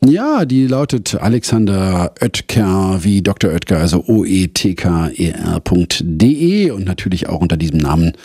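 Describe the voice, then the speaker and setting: A man's voice: low voice, moderate pace, few pauses, dark tone, slightly rough, no room sound, clean studio sound. A man who writes crime novels, a guest in a radio interview, talking thoughtfully with hesitations. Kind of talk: interview conversation.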